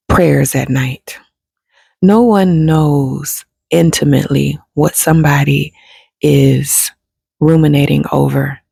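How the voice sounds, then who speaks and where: Low, gravelly-voiced woman musing. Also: a little mellow, dry recording. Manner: musing and unhurried, turns emphatic and jokey with slang. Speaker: spiritual advice speaker. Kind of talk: reflective spiritual talk to camera.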